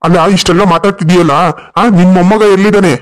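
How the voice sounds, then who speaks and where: A stern family man in a cartoon story lectures and scolds bluntly. His male voice sits fairly high. A man plays him. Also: steady tone, quick pace, close to an everyday voice. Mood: angry. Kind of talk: cartoon voice acting.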